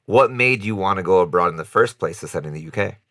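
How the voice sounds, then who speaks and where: A man hosting a casual podcast interview, chatty and quick to laugh, often repeating words as he starts a question. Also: sits low, animated, fairly bright tone, a little hiss or hum. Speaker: podcast host.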